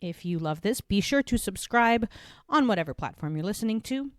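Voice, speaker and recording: A woman's voice: mid-range voice, expressive, brisk, no echo. A woman from Montana hosting an interview podcast, chatty and enthusiastic. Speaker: podcast host.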